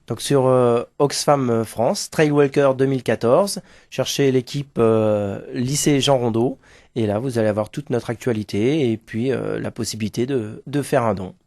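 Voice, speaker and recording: Un homme interviewé à la radio, qui parle spontanément en cherchant ses mots et en acquiesçant volontiers. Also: male voice, medium pitch, normal speed, darkish tone, no echo, studio quality. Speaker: interview guest, school staff organising a charity walk team. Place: close dry radio microphone.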